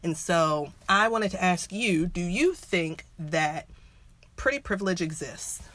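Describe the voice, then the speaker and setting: A woman co-hosting a podcast in casual chat, slightly hoarse from a cold, playful and laughing often. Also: on the low side, animated, measured pace, a bit bright, no room sound. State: hoarse, getting over a cold. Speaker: podcast co-host.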